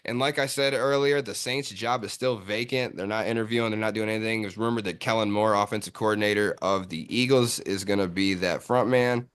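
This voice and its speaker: A man hosting a casual sports podcast, talking in relaxed slangy banter and calling his friends bro. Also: fairly low pitch, a little fast, hardly any pauses, smooth. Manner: laid-back slangy banter, says bro often. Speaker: podcast host.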